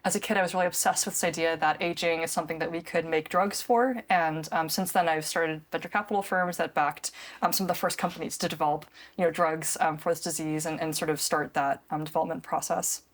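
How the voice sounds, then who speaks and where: Young woman cofounder, lowish voice, lots of ums and likes, thinking out loud. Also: steady tone, quick pace. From grew up in New Zealand. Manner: thoughtful, many fillers and restarts. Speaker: cofounder and CEO. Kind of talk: casual interview talk.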